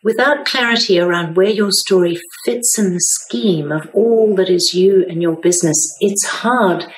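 Older lady teaching storytelling, slow careful explaining, bit of fry in her voice. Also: on the low side, a little hiss or hum, low-quality recording. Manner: measured, clear explanatory delivery. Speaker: storytelling speaker and author. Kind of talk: presenting a storytelling lesson.

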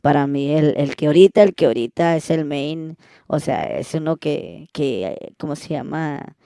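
A man's voice: fairly high pitch, lively intonation, moderate pace, vocal fry, warm tone, smooth, no echo, studio quality. A man playing a flirty, gossipy woman fan, gushing and coy in a comedy sketch.

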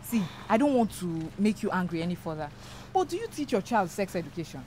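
A woman's voice: medium pitch, big pitch swings, quick pace, dark tone, slight background noise, natural voice. A woman playing a preachy, peacemaking Nigerian neighbour. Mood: lecturing. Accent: Nigerian, Yoruba. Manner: pleading, then lecturing.

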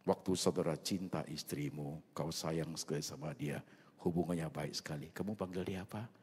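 A man preaching a sermon as a pastor, mixing in English phrases and swinging between loud bursts and soft near-whispers. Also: extremely low pitch, moderate pace, husky. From Indonesia. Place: large church hall. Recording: long reverb of a large church hall.

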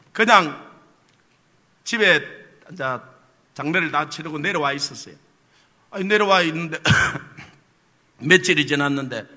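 High, very bright-voiced male pastor preaching. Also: breathy edge. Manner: humorous storytelling with rhetorical questions to the congregation. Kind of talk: sermon with personal testimony. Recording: long reverb of a church hall.

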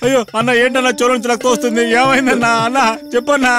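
A man's voice: very high-pitched, little pitch movement, very fast. An actor playing a panicky henchman who keeps pleading with his boss, in dubbed comedy film dialogue. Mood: frantic. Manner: pleading, frantic.

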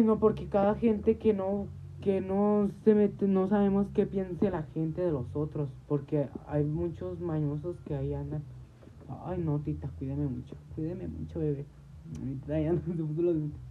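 A woman, hosting a livestream and telling a long story to her viewers, repeating and restarting her phrases. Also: lowish voice. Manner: repetitive, restarts phrases, quotes herself often. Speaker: livestream host. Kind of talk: casual rambling storytelling to viewers. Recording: noisy tinny phone audio.

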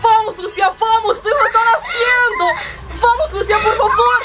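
A woman's voice: very high voice, moderate pace, sharp tone, shouting, faint music behind. A woman voicing a male doctor who coaches a delivery, giving urgent, coaxing, repeated commands in an amateur soap opera dub.

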